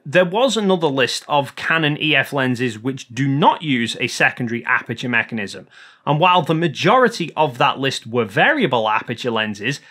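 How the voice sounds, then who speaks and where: Man, photography explainer, animated pitch, bright tone, scripted narration. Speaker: photography video host.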